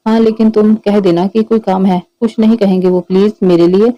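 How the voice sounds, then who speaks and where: A woman's voice: medium pitch, fairly even intonation, brisk, dark tone, dull audio, lightly acted. A woman reading a sweet pleading girl. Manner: pleading, innocent.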